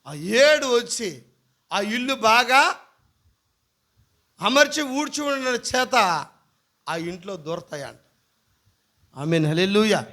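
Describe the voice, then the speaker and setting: A male pastor preaching a sermon to his church, firing rhetorical questions at the congregation and swinging between quiet asides and loud emphatic points. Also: high-pitched, big pitch swings, slow, long pauses. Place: church service.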